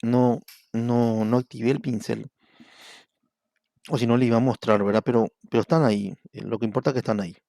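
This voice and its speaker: A man's voice: mid-range voice, steady tone, fairly quick, vocal fry, mellow, no room sound, studio quality. A middle-aged man with a Paraguayan Spanish accent giving an online university lecture, explaining step by step and checking in with his students. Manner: explanatory, repeatedly asks "¿verdad?".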